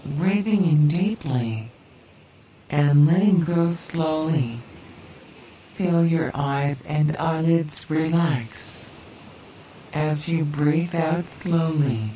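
Very slow, low-pitched woman guiding hypnosis, roomy sound. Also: dark tone. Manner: slow, soothing, deliberate delivery with long pauses. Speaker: hypnosis guide. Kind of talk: guided relaxation hypnosis script. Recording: roomy, distant, hissy background noise.

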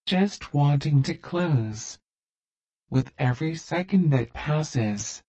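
A man narrating a guided hypnosis relaxation in a soothing, repetitive, deliberate way. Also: fairly high pitch, mellow, muffled recording.

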